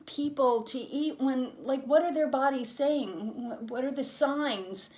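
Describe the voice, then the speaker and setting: Female interviewer, fairly high voice, candid and reflective, emphatic conversational delivery. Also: unhurried, a little mellow. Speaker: interviewer and hospice patient.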